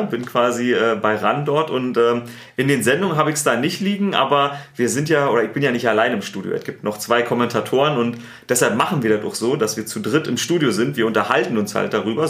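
A sports TV presenter and editor with a Berlin accent answers interview questions in a studio, relaxed and chatty, with lots of fillers. His voice sits in the mid range, and the sound is roomy.

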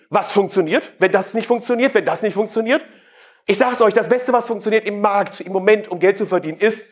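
High-voiced man, husky, provocative speaker. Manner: provocative, asks the audience questions. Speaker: sales speaker. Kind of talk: live keynote talk to an audience.

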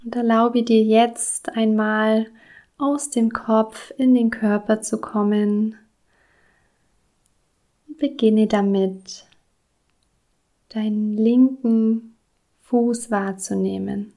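A woman guiding a body scan meditation, speaking softly and soothingly, with some words in a breathy whisper. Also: on the high side, flat delivery, very slow, long pauses. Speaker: meditation guide.

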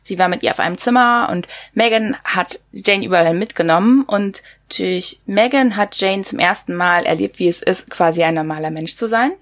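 A woman casually reviewing a novel, chatty and lively, talking through its characters and reading excerpts aloud. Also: fairly low pitch, normal speed, hardly any pauses. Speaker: book reviewer.

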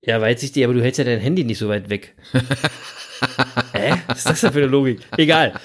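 A man's voice: medium pitch, normal speed. A man in his thirties co-hosting a podcast in casual chat, playful and teasing, laughing often. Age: 30s. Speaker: podcast co-host.

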